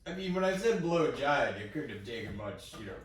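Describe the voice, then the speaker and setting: A man co-hosting a comedy podcast, laid-back and dry, chiming in with quick remarks. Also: medium pitch, very animated. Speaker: podcast co-host. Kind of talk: casual comedy chat. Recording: echoey room, distant mic.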